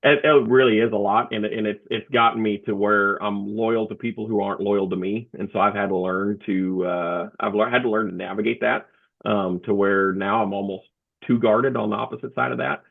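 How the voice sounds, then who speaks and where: A man talking as an interview guest, a comedian and motivational speaker, telling his story in a halting way with many restarts over a remote call. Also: fairly low pitch, steady tone, gravelly. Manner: halting, with frequent restarts and fillers. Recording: tinny phone-like remote line.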